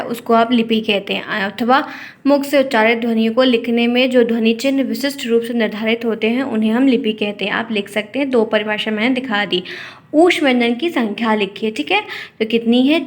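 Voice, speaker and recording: A woman teacher going through exam questions one by one, reading each question out and repeating it before she explains the answer. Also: on the high side. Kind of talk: exam-prep lesson.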